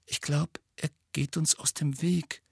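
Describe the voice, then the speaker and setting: A man voicing a clever, caring teenage girl in a storybook, speaking in a soft, concerned tone with a raised pitch. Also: fairly even intonation, unhurried, vocal fry, breathy edge, no echo, studio quality, full character voice. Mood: hushed.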